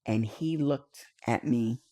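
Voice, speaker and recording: A woman's voice: extremely low pitch, slow, mellow. A middle-aged woman, a guest on a podcast, telling a personal story animatedly and emotionally, often laughing and saying "you know".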